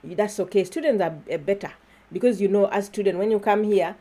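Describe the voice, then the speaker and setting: Woman, casual vlog chat, mid-pitched voice, laughs often. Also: a little fast, mellow. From Uganda. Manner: chatty, laughs often, keeps addressing viewers as guys. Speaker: YouTuber.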